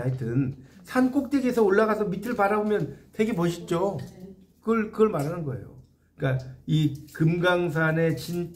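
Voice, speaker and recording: High, lively man lecturing a class. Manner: animated, questions the class often and explains line by line. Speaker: literature lecturer.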